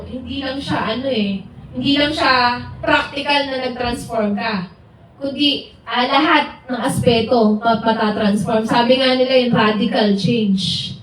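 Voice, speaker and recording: A woman's voice: fairly high pitch, unhurried. A woman giving an informal, conversational sermon at a house church, mixing in English words and acting out what friends say. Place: house church gathering room. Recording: very echoey room, distant mic, faint hiss.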